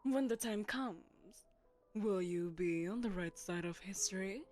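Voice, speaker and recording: With faint music behind her, a voice actress gives a lightly acted turn as a telepathic queen presiding over a lavish gala. Her mid-range, darkish voice runs a little slow as she addresses the listener, silken, condescending and persuasive, poised and commanding in this audio roleplay.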